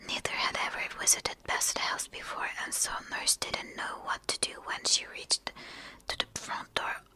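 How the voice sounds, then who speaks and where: A woman whispering quickly as she reads a story aloud for ASMR, a native Turkish speaker who sometimes stumbles over and repeats words. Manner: fast whispering. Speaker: ASMR reader.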